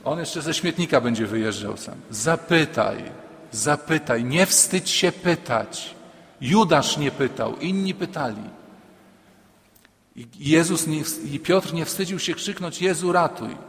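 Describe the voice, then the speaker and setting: A man's voice: on the high side, expressive, unhurried. A man, a priest, preaching a sermon emphatically, repeating key lines and dropping humorous asides. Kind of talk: sermon to a congregation. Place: church. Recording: long church reverb.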